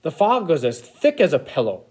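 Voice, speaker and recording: A man playing an eager, childlike Christmas elf who reads a picture book to children in an expressive, exaggerated way. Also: on the high side, normal speed, slightly rough, full character voice. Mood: eager storytelling. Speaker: storyteller reading to children. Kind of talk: animated picture-book read-aloud.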